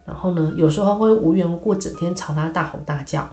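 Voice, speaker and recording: A woman's voice: lowish voice, a little fast, a little mellow, roomy sound, faint music behind. A woman telling a children's story in a chatty way, with many filler particles.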